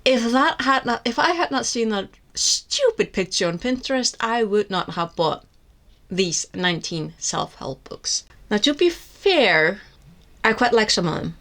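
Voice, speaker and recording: Seated indoors with a stack of books on her lap, this book vlogger from Iceland talks in a slightly high, expressive voice that's a bit slow and fairly bright. Icelandic is her first language and her accent shows it; her reviews are candid, wry, and meandering, and she restarts often.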